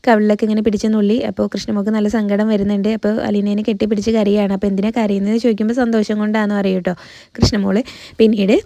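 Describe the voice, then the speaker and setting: A woman recaps a serial episode at a brisk clip. Her voice is very dark and mellow, with little rise and fall. The sound is close and dry. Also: medium pitch, flat delivery, no room sound. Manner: retells scenes, quoting characters, frequent "ട്ടോ" tags and "ഏഹ്" fillers. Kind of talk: casual spoken recap of a TV serial.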